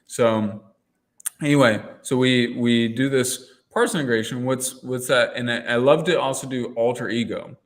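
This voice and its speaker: A man talking as an interview guest and coach, telling lively stories and acting out his own inner dialogue, with frequent restarts. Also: mid-range voice, normal speed. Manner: energetic storyteller, acts out quoted inner dialogue; rambling restarts and repeated words. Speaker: guest, NLP coach and entrepreneur mentor. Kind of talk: casual interview conversation.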